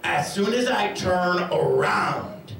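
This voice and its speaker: A middle-aged man working as a stage hypnotist, giving loud, profane commands and counting up to three in a live show, holding a handheld mic on a large theater stage. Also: high-pitched, sing-song, slow, vocal fry, slight background noise. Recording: echoey hall from far off. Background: loud music and laughing crowd.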